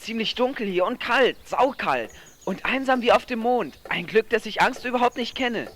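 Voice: mid-range voice, expressive, normal speed, fairly bright tone, slight background noise, close to an everyday voice. An actor voicing a chatty, boastful teenage boy in a radio play. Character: chubby cheeky teenage boy, food-loving.

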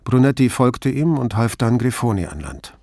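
A man reads scripted audiobook narration in a calm, even storytelling manner, his mid-range voice at normal speed. The recording is dry and of studio quality.

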